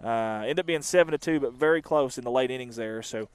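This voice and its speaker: A man doing chatty, rambling live softball commentary outdoors. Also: medium pitch, quick pace, clear, resonant tone. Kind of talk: casual live sports commentary. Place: outdoor softball field on a windy day.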